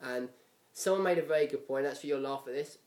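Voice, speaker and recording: A man's voice: mid-range voice, fast talker, recorded from a distance. Chatty English man in an echoey room. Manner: chatty, lively, laughs often. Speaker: podcast host. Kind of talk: casual football chat.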